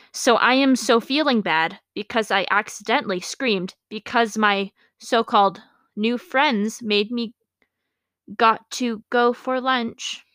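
A woman reads out pages from the diary she kept as a girl, pausing to poke fun at herself with amused asides and little laughs. Her voice sits at an ordinary middle pitch. The sound is close and dry, with no room around it. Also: pushed and bright, no room sound. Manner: amused, self-mocking asides between readings; laughs while reading. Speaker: podcast host. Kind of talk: reading her childhood journal aloud with commentary.

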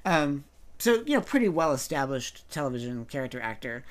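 A man's voice: medium pitch, very animated, a little fast. A man from Appalachia co-hosting a podcast, chatting loosely about a TV show with many fillers and self-corrections. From Appalachia, United States. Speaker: podcast co-host. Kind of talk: casual chat about a TV show.

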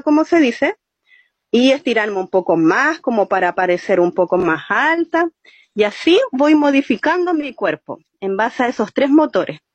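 A woman's voice: on the high side, husky, no echo. Patient woman teaching storytelling. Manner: patient, explains step by step with "¿cierto?" checks. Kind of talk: explanatory interview talk. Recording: muffled, dry sound.

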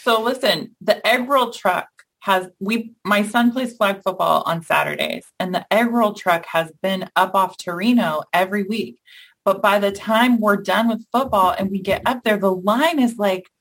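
A woman co-host with a gravelly, fry-tinged voice chats on a community radio program. She talks in a lively way and laughs often. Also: mid-range voice, moderate pace. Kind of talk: casual radio talk.

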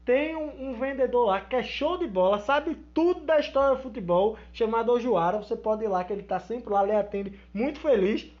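Hushed, lowered promo voice put on by a woman with a Pernambuco accent; dull lo-fi audio. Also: animated, brisk, few pauses, natural voice. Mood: smooth promo. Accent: Pernambuco Brazilian. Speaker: sports show host. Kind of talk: sports podcast ad read.

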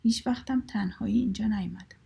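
A woman voicing a sly, teasing young sister in a soft whispered story reading. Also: medium pitch, creaky, husky, exaggerated voice.

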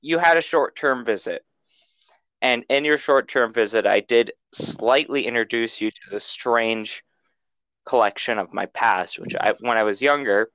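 A man's voice: mid-range voice, a little slow, a bit bright, no echo, low-quality recording. A man co-hosting a podcast in casual banter, rambling, stumbling over words and laughing often. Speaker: podcast co-host.

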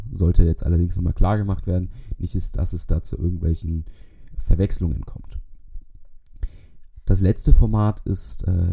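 A man's voice: low voice, gravelly, mellow. A man hosting a solo podcast, explaining things at length with frequent hesitations. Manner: explanatory, many filler hesitations. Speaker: podcast host.

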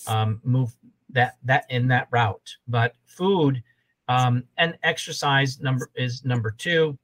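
A man's voice: mid-range voice, slow pace, fairly bright tone, rough recording. A man in his sixties, a holistic health coach, talking as a podcast guest and repeating his points in a rambling way. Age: 60s. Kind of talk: casual podcast conversation.

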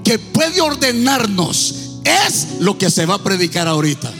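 A man preaching with a strikingly high, swooping voice, half singing his lines and breaking into shouts. He takes his time, leaning on slow, drawn-out phrases. His voice rings through a reverberant church hall over faint music. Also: very animated. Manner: fervent, half-sung delivery with shouted peaks. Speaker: pastor. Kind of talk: preaching a sermon. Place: church sanctuary.

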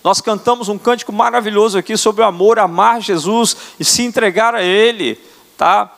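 Older male apostle, high-pitched, earnest sermon delivery, church hall reverb. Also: normal speed, vocal fry, a bit bright. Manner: earnest preaching, tag questions. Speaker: apostle preaching. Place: church sanctuary.

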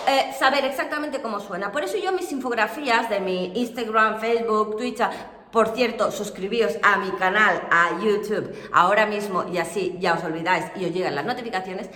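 A young woman, giving a casual, slangy online English lesson in a lively, chatty way. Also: fairly high pitch, roomy sound, in a large hall. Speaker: English teacher.

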